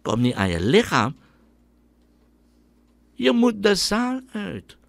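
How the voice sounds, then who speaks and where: Surinamese Dutch man, middle-aged, ranting radio commentary, pitch swinging wildly, dry close sound. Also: huge pitch swings, slow pace, creaky, no echo. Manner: indignant, ranting, scornful. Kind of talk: opinionated radio monologue.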